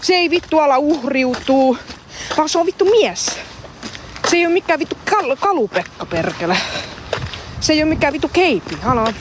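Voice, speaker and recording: A woman's voice: high voice, lively intonation, background noise. A woman live-streaming, talking to her chat in a heated, profane way and arguing back at them. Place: outdoors in a public place.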